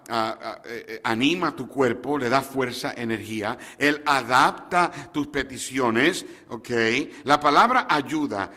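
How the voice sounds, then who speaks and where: A man's voice: medium pitch, sharp tone. A man preaching a sermon as a pastor to his congregation, asking them questions and slipping English words into his talk. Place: church sanctuary. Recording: long hall reverb.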